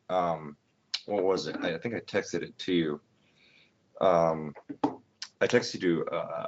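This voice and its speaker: A man in his twenties hosting a casual podcast chat, talking in halting bursts with many restarts. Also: deep voice, slight background noise. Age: 20s. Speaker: podcast host. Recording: dull lo-fi recording.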